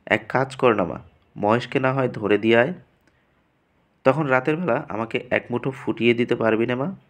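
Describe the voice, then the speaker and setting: Man voicing a gentle grieving old farmer. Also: medium pitch, moderate pace, lightly acted. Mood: weary coaxing. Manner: soft, pleading, tender.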